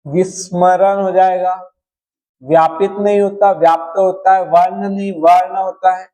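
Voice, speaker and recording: A man's voice: high voice, level tone, unhurried, dark tone, rough recording. A man teaching a Hindi spelling lesson, going through words one at a time and often checking in with his students. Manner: explains word by word, often checks in with "है ना". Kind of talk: slow spelling-correction lesson.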